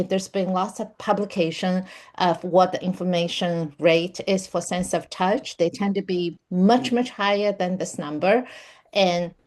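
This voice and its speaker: A woman with a fairly low voice gives a technical lecture. She explains each idea patiently, step by step, often pausing on fillers and restarting sentences. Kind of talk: university lecture.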